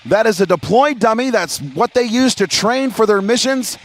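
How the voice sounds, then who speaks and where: High-pitched American man, airshow commentator. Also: expressive, moderate pace. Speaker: airshow announcer. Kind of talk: airshow commentary addressed to a crowd.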